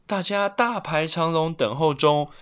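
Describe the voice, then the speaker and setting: A man's voice: fairly high pitch, unhurried, a bit bright, clean tone, highs cut off. A man reading a bedtime story to his child, playfully asking questions along the way. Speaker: father telling a bedtime story.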